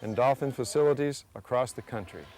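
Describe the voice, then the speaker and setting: A man reading scripted nature documentary narration in a measured, earnest way. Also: medium pitch, a little mellow. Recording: music under the voice. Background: background music.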